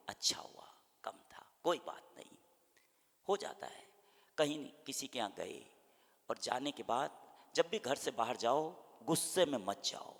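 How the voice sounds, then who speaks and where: A man preaching a sermon as a monk, with a gravelly, bright, slightly high voice. He swings from loud acted-out outbursts to hushed, almost whispered counsel. His voice rings with a long echo, as if in a large hall. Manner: animated, acts out angry quotes then drops to soft near-whispers.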